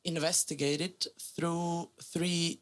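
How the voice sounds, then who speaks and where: A woman in her forties from Croatia, speaking English with a Croatian accent as a non-native speaker, gives a public lecture as a music curator. She talks haltingly, with many fillers and self-corrections. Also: on the low side, level tone. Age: 40s.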